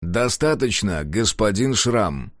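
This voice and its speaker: A man's voice: lowish voice, lively intonation, fairly bright tone, no echo, clean studio sound. A man voicing a smug, coolly formal male stranger in an audiobook. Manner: measured, formal, smirking.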